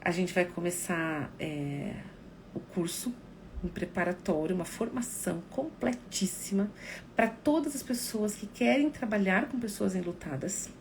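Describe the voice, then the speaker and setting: A woman psychologist talks straight to her live-stream viewers, acting out the remarks people make. Her voice carries a gravelly creak, and faint noise hums behind her. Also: medium pitch, measured pace. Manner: expressive, acts out quoted remarks.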